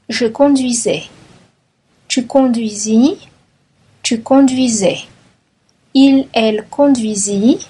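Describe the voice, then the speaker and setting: A woman reads a language drill at a very slow, deliberate pace, giving each word and verb form its own space. Her voice sits a little high and has a husky, breathy edge. She sounds measured and methodical throughout. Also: warm tone. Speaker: language teacher. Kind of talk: slow vocabulary and conjugation drill.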